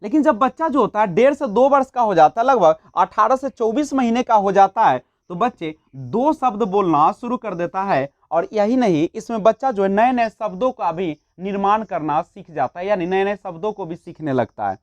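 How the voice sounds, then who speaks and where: A woman's voice: medium pitch, lively intonation, normal speed, hardly any pauses, no room sound. A woman teaching a child-development lesson for a teaching exam, asking questions and answering them herself, mixing English terms into her speech. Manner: mixes English terms into Hindi. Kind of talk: exam-prep lecture.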